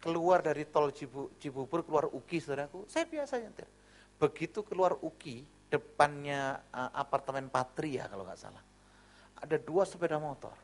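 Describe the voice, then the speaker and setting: A man's voice: on the high side, moderate pace. A middle-aged man from Java, a pastor preaching a sermon with jokes and acted-out voices. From Java, Indonesia. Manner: lively, joking storyteller, acts out voices.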